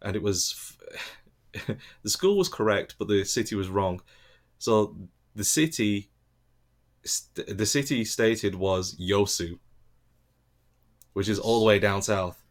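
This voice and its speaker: A man talking casually on a podcast about teaching abroad, halting and restarting often, with a dry teasing streak. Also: fairly low pitch. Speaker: guest recounting teaching in Korea.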